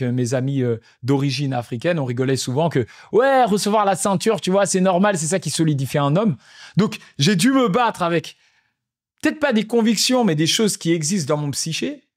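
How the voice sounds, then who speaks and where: A man hosting a podcast, telling stories of fatherhood in a reflective, casual way, repeating phrases for emphasis. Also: fairly high pitch. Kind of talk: casual storytelling monologue.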